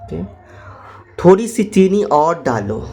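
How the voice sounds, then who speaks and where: An English teacher, his voice sitting a little high for a man. He dictates English phrases at a very slow, deliberate pace, breaking off into quicker explaining asides between them. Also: very animated, vocal fry, a little mellow, slightly rough. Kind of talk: spoken English lesson.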